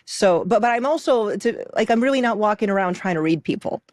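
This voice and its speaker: A podcast guest who reads soul contracts intuitively explains her practice in a conversational interview, speaking emphatically and pausing to ask check-in questions. Born in Moldova, she moved to the US at eight. Her medium-pitched, darkish voice is brisk and expressive, captured in clean studio sound with no echo.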